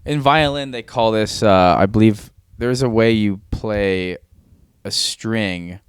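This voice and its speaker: A man co-hosting a casual podcast, playful and quick to laugh, often repeating the other host's words. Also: lowish voice, clean tone, dry recording, clean studio sound. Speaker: podcast co-host.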